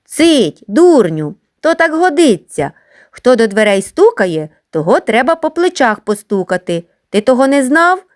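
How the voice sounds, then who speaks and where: A woman's voice: on the high side, sing-song, a little slow, pitched above the performer's own voice. A woman doing taunting, mocking schoolboys. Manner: taunting, bossy shouts. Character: mischievous schoolboys, teasing and mocking.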